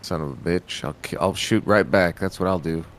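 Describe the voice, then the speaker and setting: A man's voice: low-pitched, moderate pace, a little hiss or hum. A man on voice chat in a game, giving short callouts and dry remarks to his teammate.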